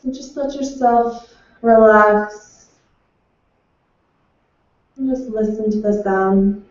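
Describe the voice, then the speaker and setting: Woman, meditation guide, soothing, dark mellow tone, very echoey room, dull lo-fi sound. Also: a little high, distant mic. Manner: slow, soothing, unhurried instructions.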